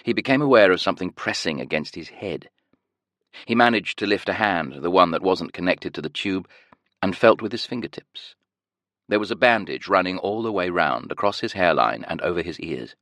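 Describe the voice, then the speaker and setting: A male audiobook narrator reads scripted narration in a measured, expressive storytelling style. His voice is low, and the studio-quality recording has no room sound.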